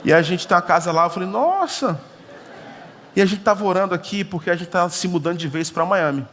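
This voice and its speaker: A man's voice: high voice, lively intonation, fairly quick, fairly bright tone. A male pastor preaching a sermon, telling a story with acted-out dialogue and humorous asides. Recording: church hall reverb.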